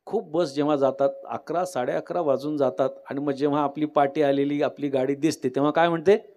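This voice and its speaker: Lively male kirtan storyteller. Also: on the high side, a little fast. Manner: lively storyteller acting out dialogue. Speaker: kirtan preacher. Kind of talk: devotional kirtan storytelling sermon. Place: live kirtan gathering.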